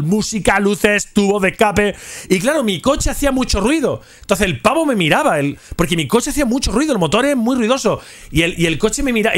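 A man's voice: on the high side, a bit bright. A man, telling a rambling, slangy anecdote to his viewers. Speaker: content creator. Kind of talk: casual storytelling to camera.

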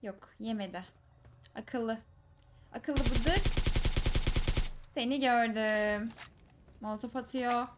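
A woman giving live commentary over her own mobile shooter match, teasing enemy players and breaking into excited shouts. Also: on the high side, slow, pauses often, noisy background. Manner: teasing, talks to enemies, bursts of excited shouts. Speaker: gaming streamer. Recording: loud gunfire game audio behind. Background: game gunfire and clicks.

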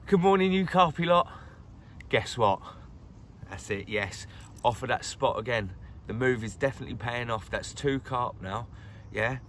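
A middle-aged man chatting excitedly to the camera while fishing by a lakeside, recorded on a handheld camera. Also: medium pitch, normal speed, slight background noise. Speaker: carp angler vlogger. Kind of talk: casual outdoor fishing vlog. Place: lakeside outdoors, crouched by the water.

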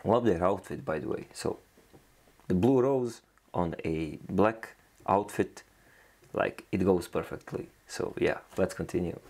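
Low gravelly man reacting casually. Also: a little slow, a little mellow. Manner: loose, rambling, enthusiastic, with many fillers. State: tired, yawning. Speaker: reaction video host. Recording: faint music playing behind.

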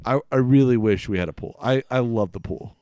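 A man's voice: mid-range voice, a little fast, smooth, no echo, clean studio sound. A man co-hosting a podcast, chatting casually in a playful way. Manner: lively, laughs often, playful. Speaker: podcast co-host. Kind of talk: casual chat.

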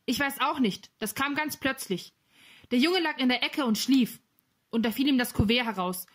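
A woman's voice: high voice, moderate pace, voice pushed up. A woman voicing a sullen, evasive male thief in a storybook reading. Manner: gloomy and evasive.

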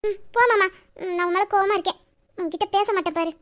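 A woman voicing a very high, sweet young wife. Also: fairly even intonation, fast talker, fairly bright tone. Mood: sulky. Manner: sweet, sulky, soothing. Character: young devoted wife, affectionate and pouting. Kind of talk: audio drama acting.

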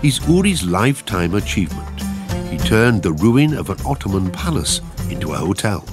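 A man narrating a travel cooking documentary in a measured scripted voice-over. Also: on the low side, sing-song. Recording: voice-over over music.

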